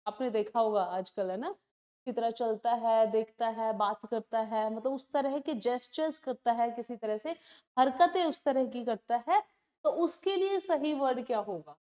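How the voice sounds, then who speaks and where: A young woman with a high voice runs an exam-prep English lesson. She explains in Hindi sprinkled with English and reads each definition slowly and deliberately. She keeps checking whether her class has understood. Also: warm tone. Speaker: English teacher.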